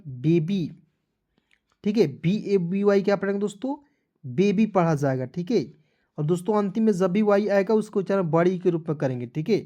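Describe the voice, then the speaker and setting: Heard through dull audio, this man's high, warm voice belongs to an English teacher running a spelling lesson. He goes letter by letter through each word and regularly asks the class if everything makes sense.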